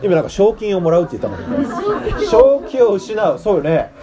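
Playful high-voiced Kitakyushu pastor. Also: male voice, lively intonation, rapid-fire, a loud crowd. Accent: Kitakyushu Japanese. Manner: playful, asks the listeners questions. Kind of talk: children's sermon.

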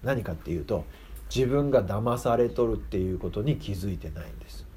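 A man's voice: on the low side, animated, brisk, mellow, a little hiss or hum. A man giving a casual sermon to children, chatting and asking them questions. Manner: chatty, asks the audience questions. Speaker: preacher teaching children.

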